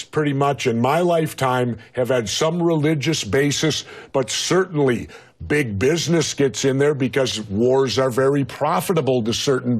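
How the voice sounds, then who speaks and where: Husky-voiced man, blunt and argumentative. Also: mid-range voice. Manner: blunt, argumentative, talks over the interviewer. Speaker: guest. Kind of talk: heated TV interview.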